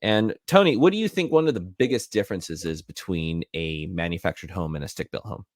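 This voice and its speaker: Podcast co-host, male, very low voice, easygoing and rambling. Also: animated, a little fast, no room sound, studio quality. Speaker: podcast co-host, real estate agent. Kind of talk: casual podcast chat.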